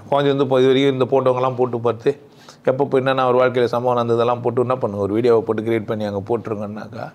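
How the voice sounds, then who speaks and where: Man, mid-pitched voice, blunt, teasing, rhetorical questions, informal lecture. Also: darkish tone. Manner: blunt, teasing, asks the audience questions and answers them himself. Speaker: speaker at a spiritual gathering.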